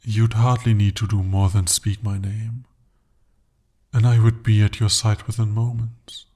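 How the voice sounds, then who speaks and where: Young man as a possessive bound demon for ASMR: low, breathy, slow, dark and intimate. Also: level tone. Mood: possessive, insistent. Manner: intimate, soft-spoken, slow and deliberate. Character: jealous, possessive male demon bound to a sorcerer. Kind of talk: ASMR roleplay.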